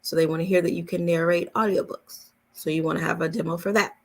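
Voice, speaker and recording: This voice-over coach runs a casual live question-and-answer session, speaking quickly in a gravelly, low-leaning voice with a steady tone. She lays out each point emphatically and with repetition.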